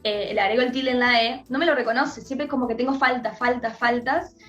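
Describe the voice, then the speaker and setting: A woman's voice: a little high, fairly even intonation, a little fast, fairly bright tone, lo-fi sound, soft background music. A woman from Uruguay with a Rioplatense accent, a radio guest talking in a chatty way with many restarts. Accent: Rioplatense Spanish. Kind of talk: conversational radio interview.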